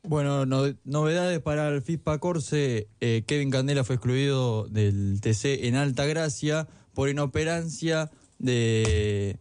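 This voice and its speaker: Clear, halting male sports reporter. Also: mid-range voice, a little mellow. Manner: halting, hesitant, searching for words. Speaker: studio news reporter. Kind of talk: sports news update.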